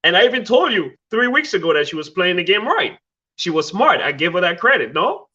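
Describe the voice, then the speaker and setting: A man's voice: high voice, sing-song, brisk, pushed and bright, dull audio. A man co-hosting a casual podcast, arguing his side with insistence and some teasing. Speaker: podcast co-host. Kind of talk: casual debate chat.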